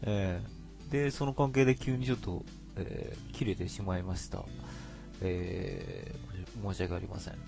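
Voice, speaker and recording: A man's voice: low voice, steady tone, a little slow, gravelly, music in the background. A man hosting a live radio stream in a casual, hesitant, apologetic chatting manner.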